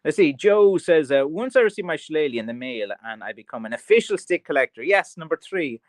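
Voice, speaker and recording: A blackthorn-stick craftsman from County Kerry, Ireland, rambles casually and tongue-in-cheek on his livestream while replying to comments, his mild west of Ireland accent clear. His voice sits on the high side, expressive and a little fast, with no room sound.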